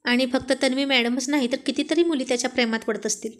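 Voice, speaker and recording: A woman's voice: high voice, fairly even intonation, quick pace, natural voice. A woman reading a story aloud and voicing a cheeky, loyal young male assistant who teases his boss in a playful way. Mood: teasing. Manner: playful, teasing.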